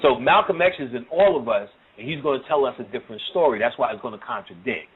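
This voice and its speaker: A man's voice: medium pitch, expressive, fast, husky. Man lecturing over tinny phone-like audio. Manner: loose, profane storytelling with frequent "you know what I'm saying". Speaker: occult lecturer. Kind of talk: casual spoken lecture.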